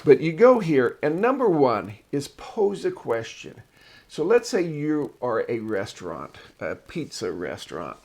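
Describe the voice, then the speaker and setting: A man's voice: on the high side, sing-song, measured pace, darkish tone. Chatty man hosting a marketing show. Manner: chatty and digressive, tells personal stories. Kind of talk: casual solo talk reviewing articles.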